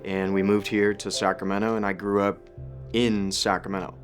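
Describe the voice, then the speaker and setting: A man's voice: lowish voice, little pitch movement, normal speed. A man in his thirties from Ukraine, a pastor telling his story in an earnest, reflective way. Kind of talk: testimony interview. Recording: music bed under voice.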